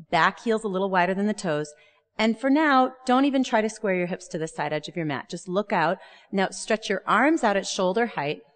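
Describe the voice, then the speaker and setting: A woman yoga teacher giving explanatory, step-by-step spoken instruction on a pose. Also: lowish voice. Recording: reverberant hall-like room.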